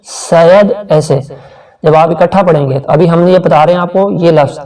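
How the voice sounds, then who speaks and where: High-voiced Quran teacher, slow chanting. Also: male voice, steady tone, a little mellow, recorded from a distance, rough recording. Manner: explains rules briskly, then recites words slowly and drawn out. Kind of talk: tajweed lesson with slow chanted recitation.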